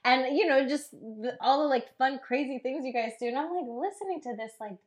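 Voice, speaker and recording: A woman's voice: high-pitched, a little fast. A woman co-hosting a podcast in casual chat, who giggles and exclaims often as she reacts. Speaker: podcast co-host.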